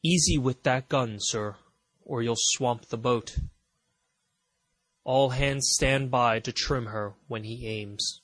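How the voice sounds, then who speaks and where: A man's voice: mid-range voice, slow pace, fairly bright tone, dry recording, low-quality recording. A man voicing a stern, commanding male ship captain who gives firm, clipped orders.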